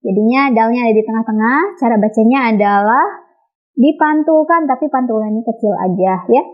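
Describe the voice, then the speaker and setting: High-voiced Indonesian woman teaching children. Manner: patient, repeats and models recitation slowly. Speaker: Quran recitation teacher. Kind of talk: online lesson for children. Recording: dull lo-fi recording.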